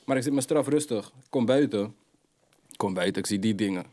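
A young adult man, a rapper guest telling street stories in animated, slang-heavy casual talk. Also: fairly low pitch, brisk, dry recording. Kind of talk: casual interview storytelling.

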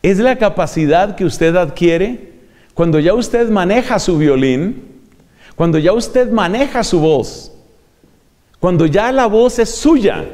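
A man teaching how to preach, in a measured lecture manner that shows off his vocal range. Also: high-pitched, darkish tone. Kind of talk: homiletics lecture. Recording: long hall reverb.

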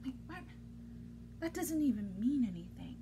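A woman in her thirties, high-voiced and mellow, reads a picture book aloud in a sing-song way at a moderate pace, playing the teacher with over-the-top, theatrical, mock-exasperated flair. It's recorded at home in a small indoor room, with background noise clearly audible.

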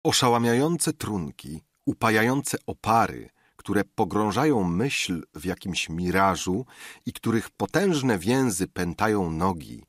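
A man narrating a classic novel in a measured, expressive reading. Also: on the low side, breathy edge, no echo, clean studio sound. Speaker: audiobook narrator. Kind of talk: scripted narration.

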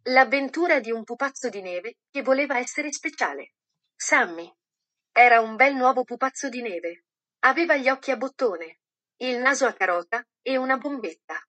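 A woman narrating a children's Christmas story in a gentle, measured reading voice. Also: a little high, animated. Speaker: audiobook narrator.

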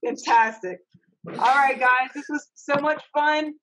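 Hosting an online reading from her home office, a middle-aged stage manager briskly announces and warmly thanks each reader over a casual group video call, upbeat and encouraging. Her webcam captures a high, slightly bright voice in poor audio with slight background noise.

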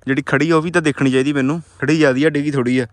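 A man's voice: fairly high pitch, steady tone, racing, no echo. A man with a Punjabi accent, a farmer vlogging outdoors in wheat fields, explaining matter-of-factly to the camera. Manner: matter-of-fact, explains crop damage to viewers. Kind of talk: casual vlog walking through fields.

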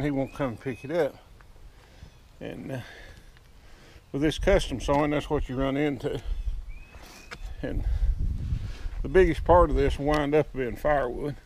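A man, giving a casual walkaround tour of his sawmill yard outdoors, talking in folksy dialect into a head-mounted camera. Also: fairly high pitch. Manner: folksy rural dialect with double negatives. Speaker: sawmill owner. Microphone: head-mounted action camera.

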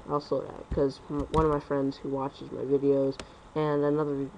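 A young man rambling through casual gameplay commentary at home on a computer mic, talking fast and correcting himself. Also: medium pitch, monotone, a little mellow, highs cut off, slight background noise. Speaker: gaming commentator.

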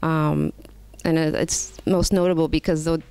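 A young woman asking a careful, measured question from the floor of a panel, speaking into a handheld mic. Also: sits low, level tone, warm tone, clean tone, dry recording. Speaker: audience member asking a question.

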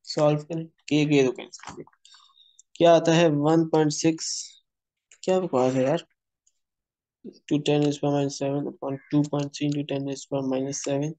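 A man with a fairly high, level voice teaches chemistry over an on-screen worksheet, working through problems step by step at a slow pace with long pauses. He calls students "beta," blends English terms into Hindi, and sounds a bit sore-throated. The tone is dark and the screen-recording voice-over is rough.

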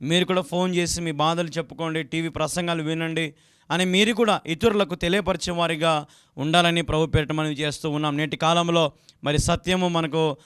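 A man's voice: on the high side, fairly even intonation, fairly quick, a bit bright, smooth, no echo, studio quality. A young man from Andhra Pradesh, a pastor giving a televised sermon, pleading earnestly and repeating filler words as he asks viewers for support. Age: young adult. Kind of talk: televised sermon with donation appeal.

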